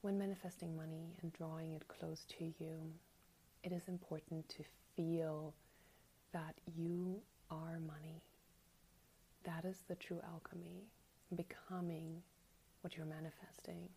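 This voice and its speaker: A woman guiding a meditation in a soft, breathy, near-whispered spa-like voice. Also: deep voice, little pitch movement, a little slow, slight background noise, rough recording. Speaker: meditation guide. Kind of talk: guided meditation. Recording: meditation music under the voice. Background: music.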